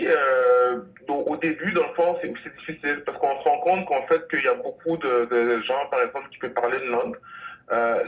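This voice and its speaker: A man's voice: medium pitch, fairly bright tone, recorded from a distance, low-quality recording. A man from Congo, director of a language school, answering radio interview questions with many fillers and restarts.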